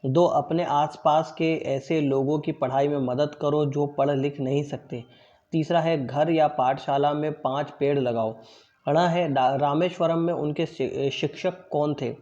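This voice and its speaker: A man teaching an online class, explaining answers slowly and repeating them, often checking in with his pupils. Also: on the high side, dark tone, highs cut off. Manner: drills pronunciation, word then pause for pupils.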